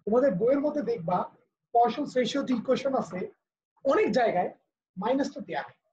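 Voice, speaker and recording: A man's voice: very high-pitched, lively intonation, fairly quick, darkish tone. A man with a Bangladeshi accent teaching physics in a live online class, explaining step by step and patiently. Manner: patient, explaining step by step, switching to English for terms. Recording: muffled lo-fi video call audio.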